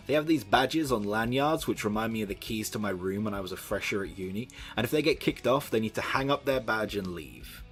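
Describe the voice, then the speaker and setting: A man's voice: on the low side, lively intonation, a little fast, few pauses, fairly bright tone, soft background music. A young man narrating a scripted video essay with sardonic asides and the odd swear word.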